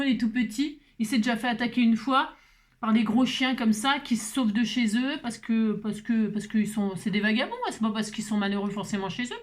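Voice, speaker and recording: A woman hosting a casual scrapbooking tutorial, chatting with rambling asides and lots of fillers. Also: a little high. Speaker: craft tutorial host.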